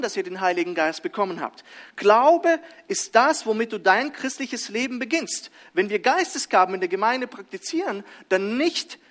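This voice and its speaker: A man preaching a sermon, reading scripture and then explaining it in an animated way, often restarting his sentences and asking the congregation "Amen?". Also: high-pitched.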